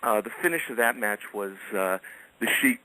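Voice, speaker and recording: Bright-voiced middle-aged man telling stories. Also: lowish voice, animated, normal speed, poor audio. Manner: chatty storyteller who chuckles often. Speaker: radio guest. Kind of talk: casual anecdote telling.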